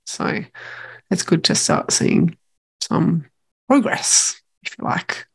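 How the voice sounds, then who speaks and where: A woman in her thirties with an Australian accent, co-hosting a podcast in relaxed, soft-spoken casual chat. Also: fairly low pitch, slow pace, creaky, slightly rough. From Tasmania. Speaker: podcast co-host.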